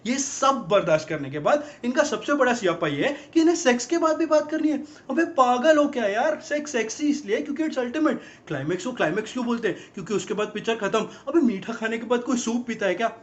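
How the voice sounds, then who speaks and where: An actor playing an exasperated young man in a rapid-fire, mocking film comedy monologue about girlfriends. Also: very high voice, expressive. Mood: ranting. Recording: dull lo-fi film audio.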